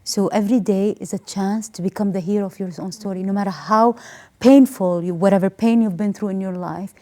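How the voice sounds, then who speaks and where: A woman's voice: mid-range voice, steady tone, a little fast, warm tone. A woman from Qatar speaking as an interview guest, earnest and encouraging, stressing her points with emphasis. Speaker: guest, life coach. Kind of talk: interview conversation.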